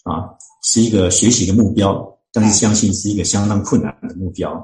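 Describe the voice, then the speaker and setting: A low-voiced man speaks as a church deacon explaining scripture in an interview. He talks earnestly, pausing on long fillers and restarting phrases as he thinks. The recording carries a noticeable echo from the room. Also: dark tone. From Chinese-speaking, living in Canada.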